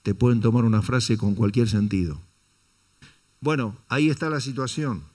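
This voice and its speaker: A man's voice: medium pitch, moderate pace, a little mellow. Man preaching a sermon. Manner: rhetorical questions, addresses the congregation as brother; dramatizes quotes with shifting intonation. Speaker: pastor.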